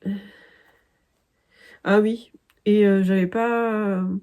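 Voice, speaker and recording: A woman's voice: medium pitch, fairly even intonation, takes it slowly, dark tone. A woman from France talking casually in a crafting vlog, hesitant with many fillers and restarts. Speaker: crafting vlogger. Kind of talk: casual chat.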